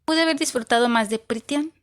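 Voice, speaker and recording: A woman's voice: a little high, fairly quick. A woman giving a casual, opinionated book review, blunt and emphatic, with dry sarcastic asides.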